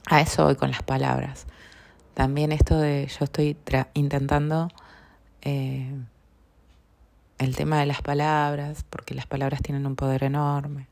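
A woman with a Rioplatense Spanish accent hosting a reflective spiritual podcast, speaking calmly and often checking in with her listeners. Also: low-pitched, creaky. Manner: calm, unhurried, often seeks agreement with tag questions. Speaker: podcast host.

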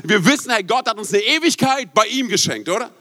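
A man's voice: sits high, animated, fairly quick, pushed and bright. A young adult male pastor preaching a passionate sermon, emphatic, often asking the listeners rhetorical questions and mixing in English words. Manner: mixes English words into speech.

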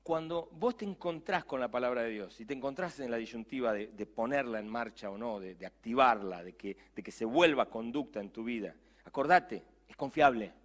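A man's voice: medium pitch, normal speed, hardly any pauses, a bit bright. A middle-aged man with a Rioplatense Spanish accent, a youth pastor preaching a sermon with emphatic, conversational asides.

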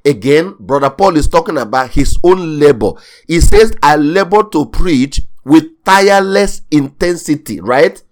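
A man's voice: a little high, animated, measured pace, hardly any pauses. A man preaching a sermon as pastor, emphatic and repetitive, with rising bursts of intensity.

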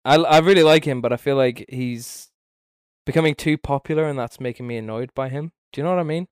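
A man chats about games in a loose, rambling way, with frequent swearing and blunt opinions. His voice is smooth and clear, and it sounds dry and close to the mic, at a middle pitch for a man. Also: quick pace, no echo. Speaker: podcast co-host. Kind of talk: casual gaming chat.

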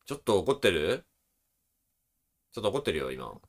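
A young man in his twenties co-hosting a relaxed podcast chat, chuckling often. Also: sits low, normal speed. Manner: relaxed, chuckling, demonstrates voices. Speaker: podcast co-host. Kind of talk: casual chat.

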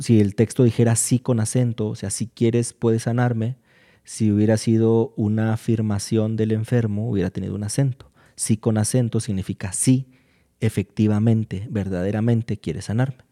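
A man from Mexico, speaking as a guest in a casual discussion about faith, in a measured, explanatory way with frequent pauses. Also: lowish voice, fairly even intonation, warm tone.

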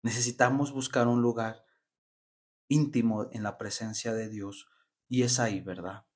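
Husky guy preaching a devotional, passionate, keeps asking "right?". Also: medium pitch, fairly even intonation, a little slow. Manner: passionate, repeats "¿verdad?" often. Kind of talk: devotional teaching.

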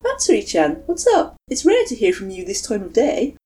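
A woman's voice: on the high side, huge pitch swings, normal speed, mellow, pitched above the performer's own voice. A woman voicing a dramatic, gallant young man who talks in flowery, grandiose phrases. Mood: cheerful.

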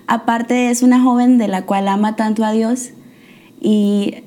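A young American woman, a guest on an interview show, shares her faith testimony hesitantly, with many fillers and restarts. Her voice is on the high side and warm, fairly even in intonation and unhurried.

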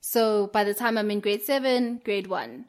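This young adult woman talks in a mid-range voice at a moderate pace. It's casual podcast chat, full of "like" and "um," with frequent laughter.

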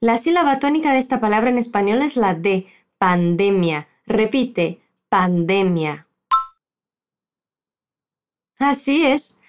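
Lively-voiced woman teaching a language lesson. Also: high-pitched. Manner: slow, carefully spoken model phrases for the learner to repeat. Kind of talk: spoken language lesson with repeat-after-me drills.

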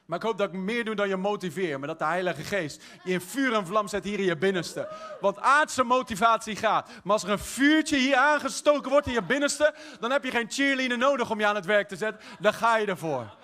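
Male pastor, high voice, sermon, fervent, loud peaks and quiet asides. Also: lively intonation, normal speed. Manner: exuberant, swings from shouting to quiet storytelling.

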